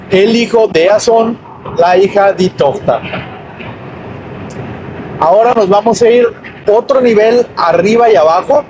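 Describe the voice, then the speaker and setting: A Mexican man with a fairly high voice teaches at an unhurried pace, repeating each word patiently. He talks from inside a moving car, and steady road and engine noise runs under his voice. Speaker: language teacher. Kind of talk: casual spoken lesson while driving.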